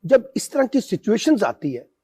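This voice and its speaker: A man's voice: high-pitched, wildly swooping pitch, mellow, slightly rough. A man hosting a talk show, asking pointed questions and listing examples. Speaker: host.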